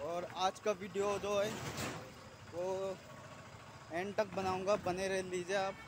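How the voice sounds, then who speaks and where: A man's voice: high-pitched, flat delivery, slow. Chatty man vlogging on a noisy street. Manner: chatty, rambling, clears throat often. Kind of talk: casual walking vlog. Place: outdoors on a sunny city street. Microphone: phone camera held at arm's length. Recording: noisy street traffic outdoors. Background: passing traffic.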